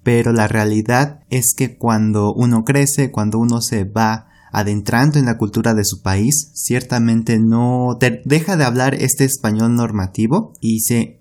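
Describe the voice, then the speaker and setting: A man co-hosting a Spanish-learning podcast as a teacher, explaining in a steady, agreeable way. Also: medium pitch, normal speed, hardly any pauses. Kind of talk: casual podcast conversation.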